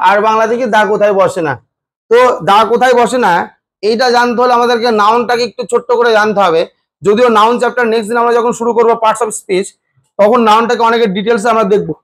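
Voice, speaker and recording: A man with a very high speaking voice teaches a grammar lesson. He quizzes the class and answers his own questions, calls the students "babu", and stretches words out syllable by syllable as he explains. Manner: asks the class questions and answers them himself. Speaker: English teacher.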